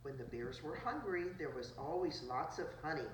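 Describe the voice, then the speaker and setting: A preschool teacher reads a picture book aloud to children, tossing in simple comments about the illustrations. Her voice sits low and sounds animated, moving at a moderate pace. The recording is roomy, with a distant mic and a noisy background.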